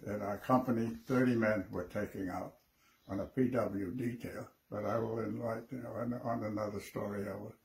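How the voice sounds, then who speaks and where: Elderly American veteran remembering, haltingly. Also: male voice, lowish voice, steady tone, creaky, darkish tone. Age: 80s or older. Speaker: World War II veteran. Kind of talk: personal reminiscence.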